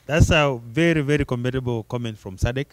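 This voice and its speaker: A man's voice: mid-range voice, a little fast. A man moderating an event session in an informal, conversational and encouraging way.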